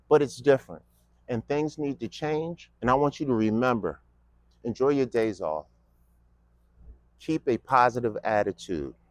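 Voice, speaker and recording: In his fifties, this man delivers a political monologue as a vlogger, keeping it casual and derisive while firing off rhetorical question after rhetorical question. He speaks in a mid-range voice, recorded with no echo.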